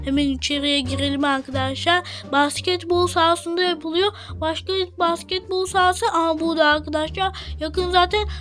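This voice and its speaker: Very high-voiced girl narrating Minecraft play. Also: steady tone, normal speed, hardly any pauses, fairly bright tone, soft background music. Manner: chatty, keeps addressing viewers as friends. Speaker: Minecraft role-play vlogger. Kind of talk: playful gameplay narration.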